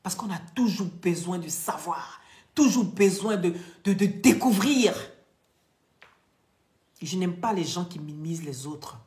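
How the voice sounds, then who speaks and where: On a live social media chat, a woman who vlogs online and sells beauty products makes a product pitch, lecturing emphatically and speaking straight to viewers. Her voice sits on the low side with a darkish tone; she is expressive, a little slow, and pauses often. French is not her first language, and the room echoes.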